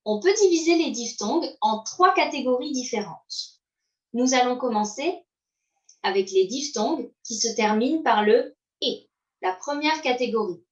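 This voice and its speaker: A woman giving a slow pronunciation lesson, modeling sounds and pausing for learners to repeat. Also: fairly high pitch, expressive. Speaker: English pronunciation teacher. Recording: roomy, distant, dull sound.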